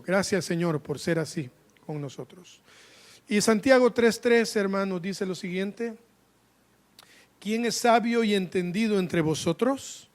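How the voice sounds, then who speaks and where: A man preaching a sermon, calling his listeners brothers again and again and swinging between loud outbursts and hushed asides. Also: sits high. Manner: fervent preaching, constantly addressing the congregation as brothers.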